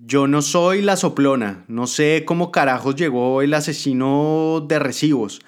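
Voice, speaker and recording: A man's voice: fairly high pitch, measured pace, clean tone, voice pushed up, lightly acted. A man voicing a frightened, captive woman adviser who protests and pleads, in a dramatic spoken story. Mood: pleading. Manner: pleading, indignant.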